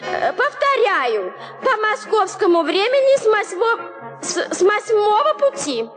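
Fields: flustered train station announcer. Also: female voice, very high-pitched, big pitch swings, measured pace, heavily acted. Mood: flustered official. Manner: official announcing tone, stumbling and self-correcting. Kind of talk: audio drama for children. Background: music.

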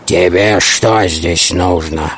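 A man voicing a hungry, menacing wolf in a storybook reading, speaking low and sly. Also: slow pace, fairly bright tone, a little hiss or hum.

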